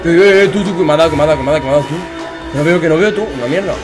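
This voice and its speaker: A young man with a Spain Spanish accent giving gameplay commentary, excitable and repeating phrases as he swings between muttering and shouting. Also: a little high, very fast, over music. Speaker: gaming youtuber.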